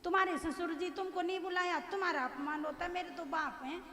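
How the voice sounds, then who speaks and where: A woman's voice: extremely high pitch, steady tone, a little fast, sharp tone. A woman preacher voicing a headstrong young goddess who insists on having her way. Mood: insistent. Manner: insistent, pleading. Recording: echoey hall with music.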